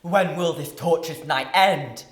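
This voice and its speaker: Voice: medium pitch, a little slow, natural voice. A teenage pupil playing Scrooge, a miserly, bitter and remorseful old man, with dramatic, anguished delivery in a radio play. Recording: roomy echo.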